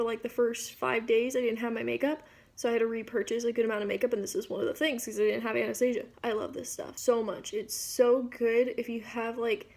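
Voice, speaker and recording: A woman's voice: on the high side, creaky. A woman giving a casual, chatty makeup tutorial, informal and rambling, often interrupting herself with asides. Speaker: beauty vlogger.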